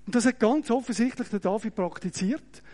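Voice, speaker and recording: A middle-aged man with a Swiss German accent preaching an animated, joking sermon that pulls the audience in, often tagging his sentences with "oder?". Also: very high voice, fairly quick. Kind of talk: lively sermon with audience demonstration.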